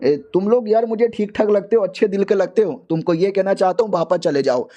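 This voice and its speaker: Guy putting on a high-pitched worried young woman, rambling fast, mellow tone underneath. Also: close to an everyday voice. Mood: urgent.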